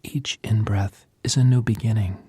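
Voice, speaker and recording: A man leading a guided breathing meditation in a soft, gentle, half-whispered voice, leaving pauses between short phrases. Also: lowish voice, fairly even intonation, slightly rough, no echo.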